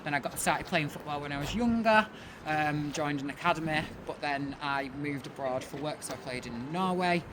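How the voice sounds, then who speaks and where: A woman's voice: deep voice, moderate pace. A woman giving an informal, chatty and emphatic post-match interview as a football coach, outdoors in the wind. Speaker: football team manager and coach. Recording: windy outdoor recording with clear noise.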